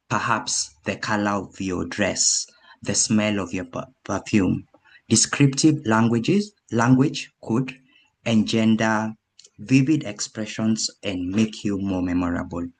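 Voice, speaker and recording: Slow, low-voiced man giving feedback. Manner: measured, corrects himself mid-phrase. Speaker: grammarian. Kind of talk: meeting feedback report. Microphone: video call.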